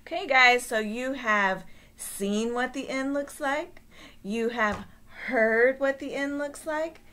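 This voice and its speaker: A woman in her forties giving young children simple, deliberate step-by-step instruction. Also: high-pitched, pushed and bright. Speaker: teacher.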